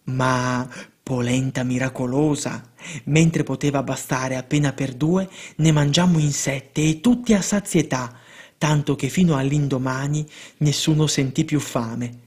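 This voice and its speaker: A man's voice: mid-range voice, steady tone, a little slow, darkish tone, husky. A man reading the lines of a grateful poor working father, telling his story eagerly. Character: grateful poor male laborer, father of five.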